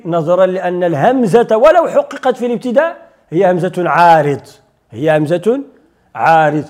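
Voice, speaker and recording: A man with a Moroccan Arabic accent teaches the rules of Quran recitation, explaining step by step, questioning his students and reciting short examples. His voice sits high with a darkish tone.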